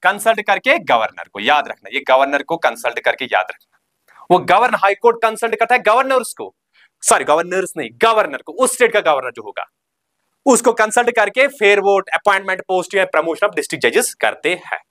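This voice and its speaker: A coaching teacher, male, whose voice sits high, delivers a steady, drilling lecture on a recording. Slowly reading out key terms and repeating them, he then peppers the class with short questions, answers each himself, and keeps telling students to remember.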